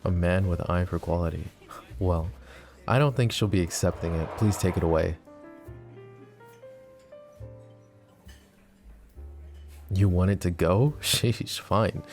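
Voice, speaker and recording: A man voices a possessive mafia boss in an ASMR roleplay audio drama, using a very low, gravelly voice with a dark, mellow tone at normal speed. He teases with smug ease, then goes cold when he makes threats. Faint music plays underneath.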